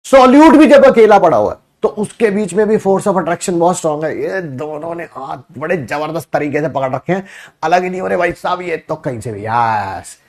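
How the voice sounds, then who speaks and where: A man's voice: on the high side, moderate pace. A male teacher giving a classroom lecture, joking and quizzing his class. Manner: animated, jokey, asks class questions.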